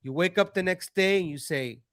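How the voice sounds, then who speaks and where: A man's voice: high voice, brisk, a bit bright, no echo, studio quality. A man hosting a casual interview, friendly and rambling, often repeating his words. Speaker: host.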